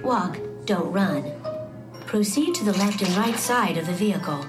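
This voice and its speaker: A woman's voice: mid-range voice, lively intonation, a little slow. A woman reading a scripted, airport-style safety announcement in a formal, instructional way. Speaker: safety announcer on a theme park ride. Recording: loud music behind. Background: loud music.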